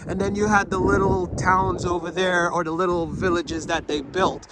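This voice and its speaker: Excitable high-voiced man vlogging outdoors. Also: moderate pace, heavy background noise. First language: not English. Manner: excitable, rambling, gushing. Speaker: travel vlogger. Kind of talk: casual vlog walkthrough. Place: outdoors at a hilltop fort and stone courtyard.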